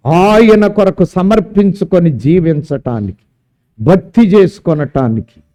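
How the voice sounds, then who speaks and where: A man's voice: high voice, warm tone. A man preaching a sermon at a church service, emphatic and drawing out key words. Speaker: pastor.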